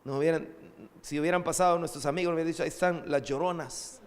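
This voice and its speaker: A man preaching a sermon as pastor, lively and conversational, with asides to the congregation. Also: on the high side, fast talker, long reverb tail, a little hiss or hum.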